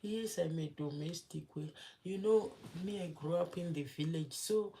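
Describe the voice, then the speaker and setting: A woman's voice: fairly low pitch, moderate pace, warm tone, a little hiss or hum. A young woman hosting a casual live stream, chatting with viewers, greeting them by name and laughing often. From Zimbabwe. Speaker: livestream host.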